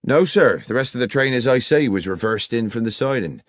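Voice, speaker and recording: For an audiobook, a man plays a friendly, deferential railway foreman in his fifties, lightly acted in a medium-pitched, expressive, brisk voice with no echo. He sounds helpful and respectful, speaking plainly with working-class turns of phrase.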